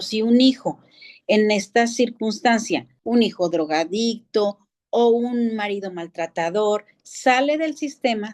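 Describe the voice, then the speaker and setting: A middle-aged woman with a Mexican accent teaching a church family class in a conversational lecture, explaining patiently and often pausing on filler words. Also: fairly high pitch, darkish tone. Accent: Mexican Spanish.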